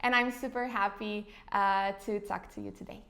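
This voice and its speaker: A woman's voice: mid-range voice, steady tone, moderate pace, gravelly, a bit bright. A woman in her thirties from Slovenia, an English speaker, chatting casually in an interview with frequent fillers like "you know". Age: 30s. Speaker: interview guest, face yoga founder.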